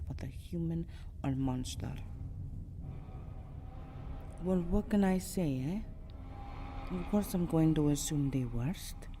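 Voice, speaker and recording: Here a woman plays a mellow, low-pitched female vampire in an intimate ASMR roleplay, seductive yet guarded. Her formal, dramatic speech often slips into a breathy whisper, moving from wary and suspicious to exasperated. Faint noise and soft ambient sound accompany her.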